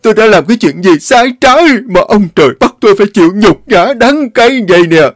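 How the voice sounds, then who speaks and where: A man voicing a stern, grief-stricken elderly father, scolding and shouting at his son. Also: medium pitch, animated, normal speed, no echo, clean studio sound, lightly acted. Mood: furious.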